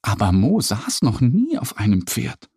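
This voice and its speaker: A man narrating a children's story in a slow, lively, slightly husky voice. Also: medium pitch, no room sound, clean studio sound.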